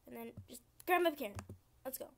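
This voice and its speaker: A young woman YouTuber gives running commentary as she plays a computer game. She keeps up a chatty flow and vents her frustration out loud. Her voice sits a bit high, and a faint background hiss runs under the recording. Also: animated, fairly quick, vocal fry. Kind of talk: gaming commentary.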